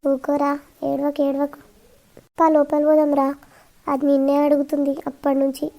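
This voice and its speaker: A caring elder sister in a cartoon, played by a woman with a Telangana accent. Her voice is high and flat with a gravelly edge. She soothes others and scolds them gently. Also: normal speed. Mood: comforting. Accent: Telangana Telugu.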